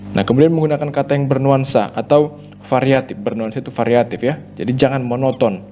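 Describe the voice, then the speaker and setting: A man's voice: medium pitch, steady tone, fast talker, warm tone. A male teacher giving a recorded lesson, explaining point by point with lots of "ya" and "nah" fillers. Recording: dull lo-fi audio with mains hum.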